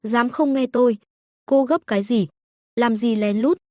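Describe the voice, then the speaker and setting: A woman's voice: a little slow, mellow, no room sound, studio quality, lightly acted. A woman voicing a spiteful older mother-in-law. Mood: scolding. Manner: shrill scolding and cursing.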